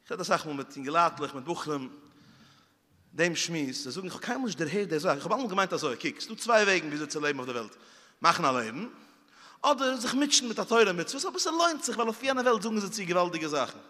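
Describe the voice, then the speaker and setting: A man's voice: high voice, expressive, fast, bright, forceful tone. A man preaching a sermon, telling stories and repeating phrases for emphasis. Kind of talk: sermon with storytelling. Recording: long hall reverb.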